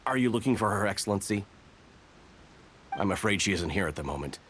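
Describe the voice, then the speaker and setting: A formal, by-the-book soldier. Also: male voice, lowish voice, expressive, fairly quick, fairly bright tone, a little hiss or hum. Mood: dutiful. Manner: formal and precise. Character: dutiful, by-the-book male soldier. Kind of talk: video game voice acting.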